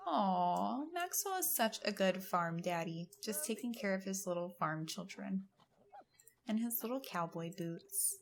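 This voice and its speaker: A woman's voice: mid-range voice, animated, measured pace, gravelly. A woman hosting a let's-play, giving chatty, giggly gameplay commentary and laughing often. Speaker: gaming channel host.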